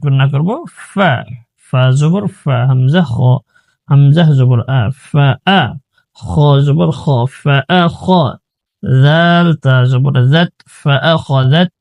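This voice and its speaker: A man with a Bangladeshi accent teaching Quran reading, chanting the verses slowly and spelling out letters and pronunciation rules. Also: on the high side, vocal fry, a little mellow, no echo. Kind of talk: slow recitation lesson with spelling drills.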